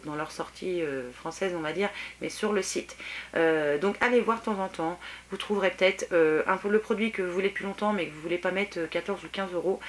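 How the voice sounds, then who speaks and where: This French beauty vlogger talks at a medium pitch, with a slight hiss or hum in the background. Her casual makeup review is chatty, halting and packed with fillers, and she's excited about the products.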